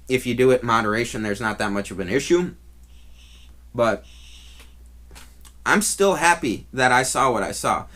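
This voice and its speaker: A man's voice: medium pitch, sharp tone. Rambling man telling a story casually. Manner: rambling and halting, with trailing restarts. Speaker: vlogger. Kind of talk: casual first-person storytelling.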